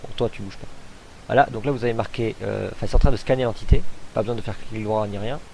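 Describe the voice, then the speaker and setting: A man's voice: on the low side, steady tone, quick pace, gravelly, mellow, a little hiss or hum, rough recording. A man casually commenting on gameplay as he demonstrates a game mod, chatty and hesitant, thinking aloud with fillers. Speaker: gamer showcasing a mod.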